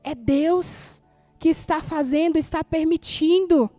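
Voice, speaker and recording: Woman pastor, Brazilian accent, high warm voice, emphatic repetitive sermon delivery. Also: slow, no room sound, soft background music. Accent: Brazilian Portuguese. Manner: emphatic, repeats key phrases for effect.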